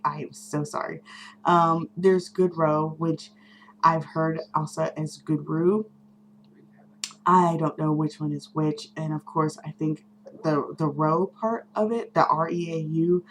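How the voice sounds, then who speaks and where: Low-voiced woman chatting casually on camera. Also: a little hiss or hum, poor audio. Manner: rambling, filler-heavy, laughs often; self-correcting, unsure. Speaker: vlogger.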